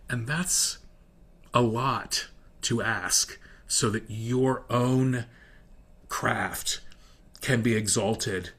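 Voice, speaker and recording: A middle-aged man talks through a song's lyrics on his podcast, reading each line aloud with lively emphasis. He turns critical in quieter asides between the quoted lines. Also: on the low side, slightly rough. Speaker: podcast host. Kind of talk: solo analysis of a song's lyrics.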